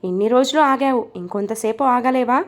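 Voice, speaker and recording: A woman's voice: a little high, brisk, natural voice. A woman voicing an impatient young husband who teases and scolds in a snappy way.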